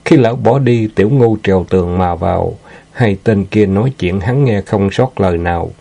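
A man narrating a martial-arts novel as an audiobook, in steady storytelling. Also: on the low side, normal speed, creaky.

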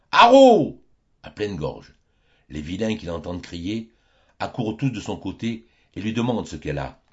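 A man reading a medieval tale aloud in an expressive, dramatic storybook style, in a dull lo-fi audiobook recording. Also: low voice. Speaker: audiobook reader.

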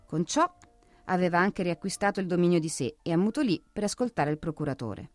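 A woman with a low-pitched voice narrates a classic novel. Her reading is steady and expressive, and faint music plays behind her. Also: brisk, no echo. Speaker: audiobook narrator.

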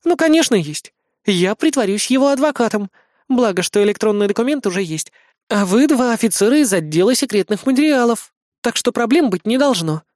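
A reader voicing a haughty, tiny female pop idol who holds a general's rank, indignant and quick to snap. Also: medium pitch, animated, a little mellow, dry recording, clean studio sound, voice pushed up, close to an everyday voice. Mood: confident. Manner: snappy, indignant, easily irritated. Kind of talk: audiobook character voice.

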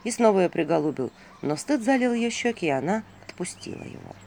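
A woman narrating a dark folk tale in an expressive storytelling voice. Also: mid-range voice, fairly quick, gravelly, a little hiss or hum. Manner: expressive, hushed then rising.

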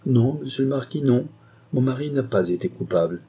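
A man voicing a scheming young governess who talks in a measured, pointed way, in an audiobook reading. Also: mid-range voice, lively intonation, dark tone, slightly rough. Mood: earnest. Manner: measured, pointed, deliberately detaching words.

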